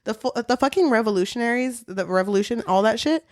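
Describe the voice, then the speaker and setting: A woman's voice: fairly high pitch, quick pace. A young woman chatting casually as she reviews a book, slangy and swearing freely.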